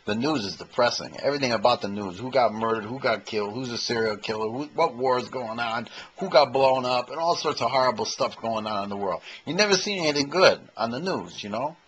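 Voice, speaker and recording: A man's voice: medium pitch, fairly quick, few pauses, fairly bright tone, poor audio. A man in his fifties doing a rambling, self-mocking comedy monologue to a camcorder in his own room. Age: 50s. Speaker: amateur comedian and impersonator. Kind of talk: stand-up comedy monologue to camera. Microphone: handheld camcorder mic.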